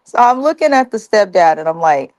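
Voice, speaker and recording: A woman's voice: mid-range voice, very animated, fairly quick, darkish tone, dry recording. A woman co-hosting a TV recap, talking bluntly and profanely in a casual, ranting way. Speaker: co-host of a TV recap show. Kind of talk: casual review chat.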